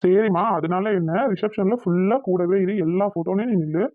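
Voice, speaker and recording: A woman voicing a gentle cartoon groom, slightly dull sound. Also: fairly low pitch, fairly quick, no echo, natural voice. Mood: soothing. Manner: calm, soothing, indulgent. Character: gentle young groom, patient and affectionate.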